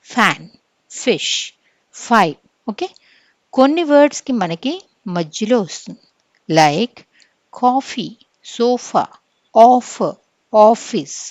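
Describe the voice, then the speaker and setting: A woman's voice: medium pitch, darkish tone, no echo, highs cut off. A woman with a Telugu accent teaching an exam-prep English phonetics lesson, explaining step by step, checking in with frequent "okay?" and spelling words out letter by letter.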